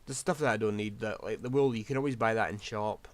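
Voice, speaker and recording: His voice sitting on the low side, the game streamer rushes through meandering, scatterbrained play-by-play, poking fun at himself. He is audibly losing his voice during the casual commentary.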